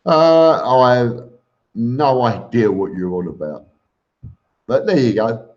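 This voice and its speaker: A man's voice: medium pitch, lively intonation, slow pace, darkish tone. A man hosting a casual live stream, reading out comments and answering them in an informal, blunt, matey way. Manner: informal and blunt, calls listeners mate. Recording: dull lo-fi live stream audio.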